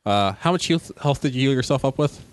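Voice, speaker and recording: A man's voice: medium pitch, expressive, brisk, no room sound, studio quality. A man running a tabletop game as game master, joking and laughing often as he narrates.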